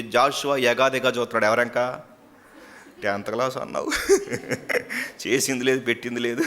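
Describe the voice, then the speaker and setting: A man preaching a sermon as a pastor, telling stories and acting out the people in them. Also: medium pitch. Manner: animated storyteller, acts out characters.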